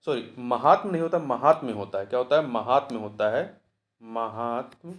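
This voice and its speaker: A man's voice: medium pitch, lively intonation, a little fast. A man working through the answers of a Hindi exam practice test as tutor, asking questions and then answering them himself, going over each answer step by step. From India.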